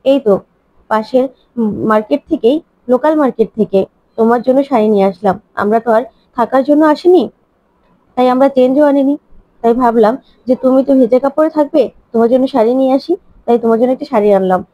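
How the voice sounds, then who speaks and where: A woman's voice: a little high, dry recording, close to an everyday voice. A woman voicing an adult man who is insistent, hurt and defensive, pressing one reproachful question after another in a dry, dull recording. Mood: explaining. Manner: pleading, rapid, reproachful questions.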